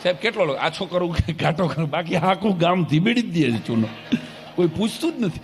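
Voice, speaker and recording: A man telling humorous stories on stage to a wedding crowd, lively and quick to switch into character voices, recorded through a stage microphone. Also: fairly high pitch, slight background noise. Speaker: folk comedian performing at a family wedding event. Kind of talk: humorous stage storytelling to a live audience. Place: large event hall with an audience. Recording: reverberant hall, faint music behind.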